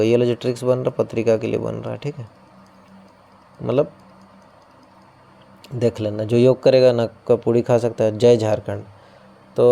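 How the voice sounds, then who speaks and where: Leading a coaching-class lesson for exam prep, this instructor leans on playful mnemonics and frequently asks whether his students are following. He has a warm, mid-range voice with vocal fry.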